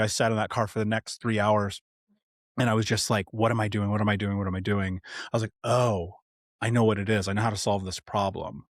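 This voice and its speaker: A man from Indianapolis in the United States, appearing as a podcast guest, recounts his own life story with candor and emphasis. His fairly low voice is captured in studio quality with no room sound, and he's blunt, swears casually, and acts out old conversations.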